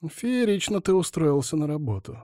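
A man voicing a jittery, panicky young male friend who talks in a hoarse, hissing whisper. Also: a little high, very animated, normal speed, warm tone, no room sound, studio quality, pitched above the performer's own voice. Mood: shocked.

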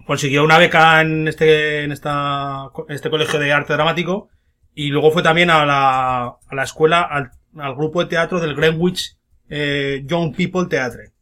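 A man hosts a loose, comedic film podcast. His voice is bright and forward and sits a little high. He tells stories with a jokey edge and slips into silly voices for the quotes. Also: steady tone, unhurried. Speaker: podcast host.

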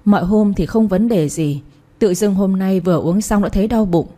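A woman's voice: medium pitch, moderate pace, dark tone, natural voice. A woman voicing a stern, commanding older mother-in-law in a read-aloud story. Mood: worried. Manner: cold, commanding.

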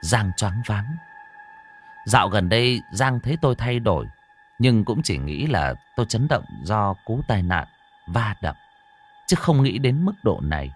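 A man narrating a horror story in a dramatic, expressive way. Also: fairly low pitch, measured pace, soft background music.

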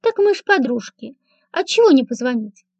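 A woman's voice: sits high, sing-song, normal speed, darkish tone, no echo, exaggerated voice. A woman voicing a sly, fawning young ex-servant who wheedles, giggles and sighs. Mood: wheedling. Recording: dull lo-fi, dry.

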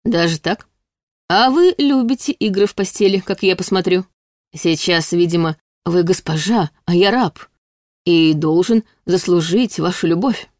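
A woman's voice: fairly low pitch, measured pace, a little mellow, no echo, clean studio sound, close to an everyday voice. A woman voicing a smug, teasing male demon in a storybook reading, with a mock-sweet, drawling delivery.

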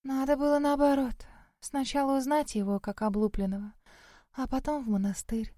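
A sharp-tongued female spirit who has lived for centuries, as a woman reader puts her on. She scolds and sneers in a raised, hushed voice. The reading sounds close and dry. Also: sits high, level tone, normal speed, no echo, pitched above the performer's own voice, close to an everyday voice. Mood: gloomy warning. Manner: scolding, sarcastic, often hushed.

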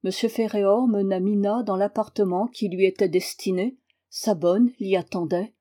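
A woman reading a classic novel aloud in calm, even narration. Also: medium pitch, moderate pace. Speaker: audiobook reader. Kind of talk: scripted narration.

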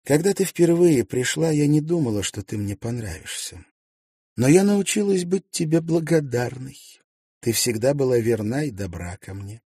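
A man voicing a lonely young gentlewoman who speaks gently but decisively, in an audiobook. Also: mid-range voice, expressive, normal speed, slightly rough, no echo, clean studio sound, pitched above the performer's own voice. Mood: earnest kind. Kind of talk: audiobook character voice.

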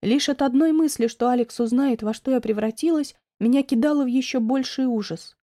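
Expressive woman reading an audiobook. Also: high-pitched, a little fast, dry recording, studio quality. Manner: expressive, emotional first-person reading. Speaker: audiobook narrator. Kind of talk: first-person audiobook narration.

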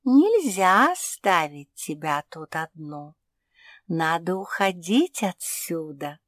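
A woman voicing a kind, helpful female crow fairy who talks calmly and gently. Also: fairly low pitch, takes it slowly, no echo, studio quality, full character voice. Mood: gentle.

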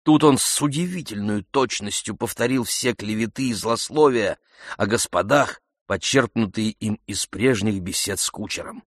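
A man's voice: on the low side, normal speed, no room sound. Man reading a novel aloud, dry sound. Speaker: audiobook narrator. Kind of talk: scripted narration of a classic novel.

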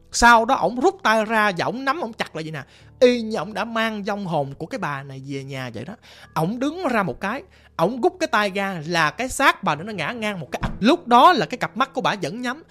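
A narrator with a Southern Vietnamese accent telling a ghost story in a casual, animated, dramatic way, speaking straight to the listener. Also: medium pitch. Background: faint music.

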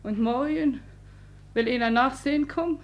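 A woman's voice: high voice, moderate pace, muffled recording. An actress playing a desperate, menacing middle-aged cleaning woman, who switches between coaxing and threatening, in 1950s radio play style. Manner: coaxing, then threatening, muttering under her breath.

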